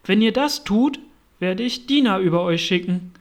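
A man's voice: sits high, moderate pace. A man voicing the young girl Alice in a storybook reading, exclaiming and talking to herself.

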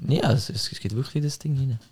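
A man with a Swiss German accent hosting a casual podcast chat, relaxed and slangy. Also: medium pitch, fast, breathy edge. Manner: laid-back, slangy, says "geil" and "nice" a lot. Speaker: podcast host.

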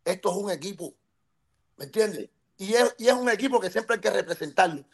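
A man with a Cuban accent talks in a high, ringing voice on a podcast. He is passionate and emphatic and leans hard into every point. He cuts in to keep the floor and keeps asking whether his listener understands. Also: lively intonation, a little fast, vocal fry, breathy edge. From Cuba. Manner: insistent, interrupts to hold the floor. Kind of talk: heated podcast talk.

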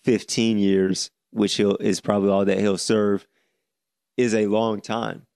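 Gravelly low-voiced young man podcasting. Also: flat delivery, a little mellow, dry recording, clean studio sound. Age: 20s. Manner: earnest, halting, many restarts. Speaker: podcast host. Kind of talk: solo podcast commentary.

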